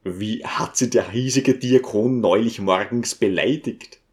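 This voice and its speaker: A man voicing a smooth, scheming male visitor who talks in a coaxing, ingratiating way. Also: lowish voice, measured pace, darkish tone, close to an everyday voice.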